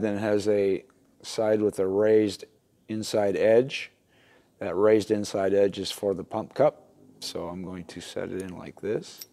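A middle-aged man with a lowish, darkish-toned voice hosts a how-to repair video, casually talking through each step as he works. He is plain-spoken and folksy, standing at a workbench in a small wooden workshop indoors.

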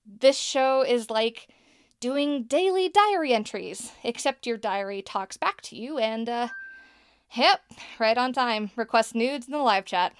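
Voicing a jittery young podcast host in an audio drama, an actress rambles along with bursts of laughter. Her voice is a little high with a clean tone.

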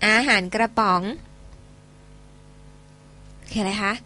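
A woman's voice: mid-range voice, steady tone, slow pace, pushed and bright, slight background noise. A female English teacher with a Thai accent, a native Thai speaker, giving a chatty online vocabulary lesson, spelling words letter by letter and laughing often.

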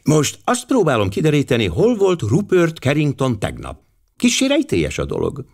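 A man's voice: fairly high pitch, wildly swooping pitch, gravelly, darkish tone, breathy edge, voice pushed up, exaggerated voice. A bluff, eager police inspector, as a male reader voices him in a storybook reading. He talks heartily, his voice jumping up and down with energy. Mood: hearty.

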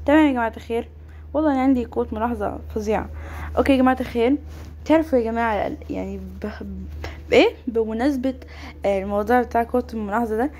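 A young woman, giving an excitable game voice-over commentary and exclaiming often. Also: a little high. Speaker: gaming YouTuber. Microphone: home microphone voice-over.

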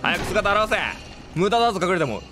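A man voicing a taunting male killer with an axe, calling out slow, drawn-out mocking threats to someone hiding. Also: high voice, expressive, over music, voice pushed up. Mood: menacing.

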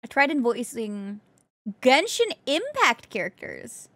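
A woman reacting on a livestream as a cute anime streamer, excitable and exclamatory, often swearing. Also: high-pitched, takes it slowly, slight background noise. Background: music and played video clips.

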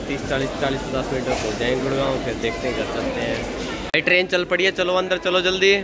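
A man in his thirties vlogging a train trip, chatting to viewers from a phone held at arm's length, on station platforms and inside the coach. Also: medium pitch. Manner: chatty, addresses viewers as brother. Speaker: travel vlogger. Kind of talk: casual travel vlog. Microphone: handheld phone at arm's length. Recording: loud train and station noise.

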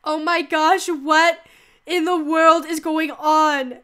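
Taking it slowly, a teenage girl with a high, fairly bright voice and fairly even intonation chats while gaming for her YouTube channel. She sounds stuffy from a cold, rambles with plenty of "like", and yelps and laughs during play.

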